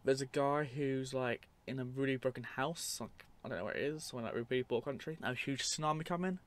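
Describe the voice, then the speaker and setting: A man with a mid-pitched voice comments casually on clips, without a script. He rambles as he explains, keeping a matter-of-fact tone and slipping in dry, offhand remarks. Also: quick pace. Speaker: narrator of a film clip compilation.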